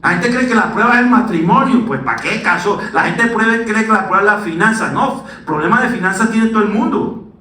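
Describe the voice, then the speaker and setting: A middle-aged man preaching a sermon as pastor, animated and swinging down to a hush. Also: high-pitched, fairly quick, distant mic. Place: church. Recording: echoey church hall, voice from the mic.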